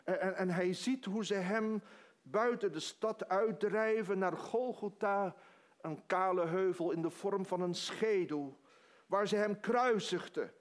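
A man's voice: high-pitched, a little slow. A man preaching a sermon, retelling a story dramatically with quoted dialogue.

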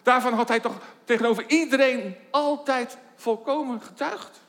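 A man with a high-pitched voice delivers a sermon, working through scripture in a measured, deliberate way and posing question after question. His voice carries a long reverb, as in a church hall. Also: a bit bright. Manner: measured Bible exposition with rhetorical questions. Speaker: preacher.

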